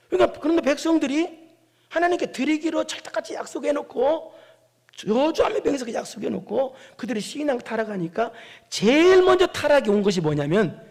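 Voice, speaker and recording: A man preaching a sermon as pastor, animated, with rhetorical questions and scolding tones. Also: very high-pitched, creaky, big-room sound. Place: church sanctuary.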